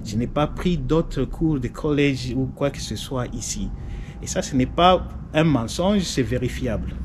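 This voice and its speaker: Congolese guy in his 40s, slow careful talk, lots of ums, faint noise behind. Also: medium pitch, animated. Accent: Congolese French. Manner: measured, hesitant with fillers. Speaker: interview guest, doctor. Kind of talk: casual interview.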